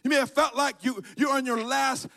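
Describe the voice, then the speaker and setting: A high-pitched man in middle age, raised in Liberia, preaches from the pulpit of a church. He talks low and easy through the Bible story, then climbs into loud, shouted calls. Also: steady tone, brisk, creaky. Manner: preaching with swings from quiet talk to shouted calls. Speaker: pastor. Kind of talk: sermon. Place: church sanctuary.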